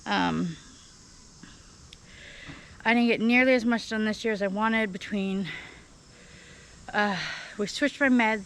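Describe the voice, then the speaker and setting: A woman walks her vegetable garden outdoors, a bit out of breath, chatting candidly and rambling with plenty of ums. Her voice sits at an ordinary middle pitch. Faint crickets and insects buzz softly behind her. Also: slight background noise, low-quality recording. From South Dakota. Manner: rambling, candid, with many fillers. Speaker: gardening vlogger. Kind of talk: casual garden update chat.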